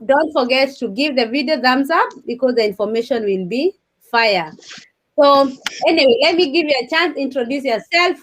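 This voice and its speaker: A woman hosting a casual online interview, chatty and warm with her audience, filling pauses with many uh's and mm-hmm's. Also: sits high. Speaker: host. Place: room in Germany.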